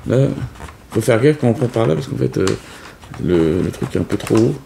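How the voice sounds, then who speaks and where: A man's voice: mid-range voice, expressive, normal speed, gravelly, noisy background. A man casually explaining a board game setup, hesitant with many fillers and restarts. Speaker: board game video host. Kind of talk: casual unscripted game tutorial.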